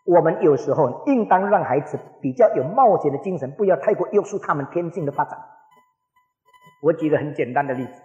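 A man in his forties preaching a sermon, telling stories with lively acted-out quotes, recorded in an echoing hall. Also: a little high, fairly quick, highs cut off, soft background music. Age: 40s. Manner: animated storytelling, acts out quoted voices. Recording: echoey hall with long reverb.

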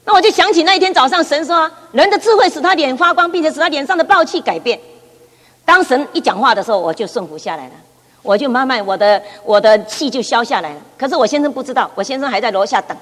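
A middle-aged woman shares her personal testimony at church, with a somewhat high voice. She tells the story in a lively way and keeps repeating words as she goes. Her voice rings with the long reverb of a hall. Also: quick pace. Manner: lively storytelling with frequent repetitions. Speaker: church speaker giving testimony.

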